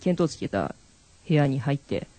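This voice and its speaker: Male co-host with a husky, dry, close sound and a fairly high voice; tells stories and acts out the quotes. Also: sing-song, moderate pace, mellow, no room sound. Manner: storytelling with acted-out quotes. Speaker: podcast co-host. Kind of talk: casual chat.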